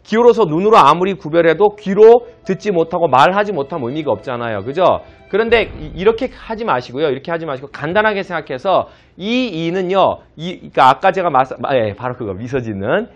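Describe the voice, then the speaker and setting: A man teaching English pronunciation in a classroom lecture, explaining patiently, modelling words slowly and asking the class to repeat after him. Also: fairly high pitch, animated, highs cut off, faint music behind.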